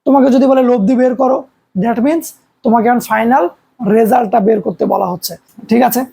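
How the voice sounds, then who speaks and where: Gravelly-voiced man teaching physics. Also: very high-pitched, fairly quick, dark tone. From Bangladesh. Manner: explains step by step with everyday examples and rhetorical questions. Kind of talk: recorded classroom lecture.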